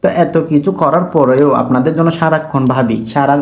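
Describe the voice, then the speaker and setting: A man, a Quran tutor gently scolding and coaxing his student on camera, asking question after question. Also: on the high side, fairly even intonation, brisk.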